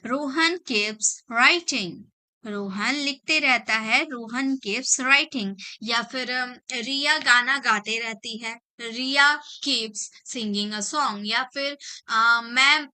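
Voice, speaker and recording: Woman teacher, really bright high voice, says each example slow and twice. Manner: explains patiently, repeats each example sentence slowly. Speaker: English teacher. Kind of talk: spoken English grammar lesson.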